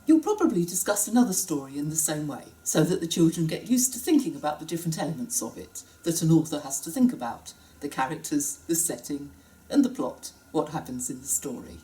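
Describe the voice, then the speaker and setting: A woman researcher explaining step by step how to run a classroom project, in a lively, guiding manner. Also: low-pitched, a little fast, low-quality recording. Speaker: university researcher. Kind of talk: instructional explanation.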